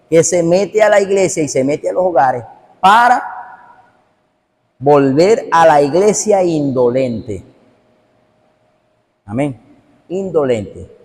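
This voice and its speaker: A man's voice: a little high, darkish tone. A man, a pastor, preaching a sermon emphatically and repetitively, calling straight out to his listeners. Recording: long hall reverb.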